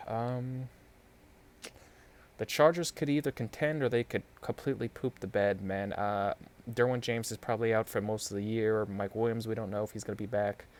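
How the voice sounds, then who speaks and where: A man's voice: fairly low pitch, darkish tone. A man with a New York accent hosting a podcast and chatting casually about football picks, with many fillers and restarts. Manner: halting, lots of fillers and restarts. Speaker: podcast host. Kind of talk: casual sports predictions chat.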